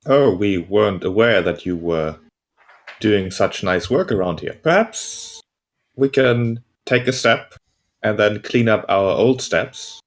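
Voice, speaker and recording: A man's voice: fairly low pitch, takes it slowly. A man playing in a tabletop role-playing game, talking casually at the table. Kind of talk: casual in-character table talk.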